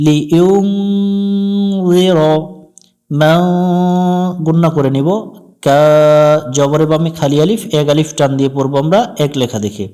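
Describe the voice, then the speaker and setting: A man with a Bangladeshi Bengali accent teaching Quran recitation step by step, switching between drawn-out melodic chanting of verses and plain spoken pointers on how to say them. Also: on the high side, mellow. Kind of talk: slow step-by-step recitation lesson.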